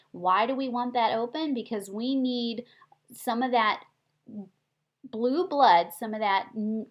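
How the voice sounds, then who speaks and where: A woman giving a recorded nursing lecture, explaining in a chatty, animated way and asking the class rhetorical questions. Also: fairly high pitch.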